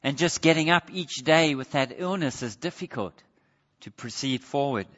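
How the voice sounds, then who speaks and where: A man preaching a sermon, earnest, moving between quiet pleading and raised emphasis. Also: a little high, lively intonation, moderate pace. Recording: dull lo-fi sound with long hall reverb.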